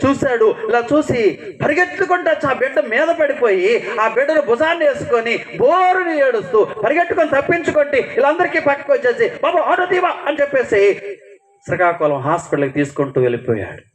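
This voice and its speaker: A man's voice: very high voice, a little fast, poor audio. A male pastor preaching a sermon, telling stories and asking his congregation direct questions. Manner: lively storyteller who acts out voices in his stories. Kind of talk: sermon with storytelling.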